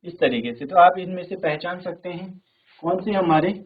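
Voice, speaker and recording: Man teaching over a thin line. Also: high-pitched. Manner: explains step by step, repeating "theek hai" often; reads English lines slowly and clearly. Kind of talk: virtual classroom lesson. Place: studio. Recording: phone-like narrow band.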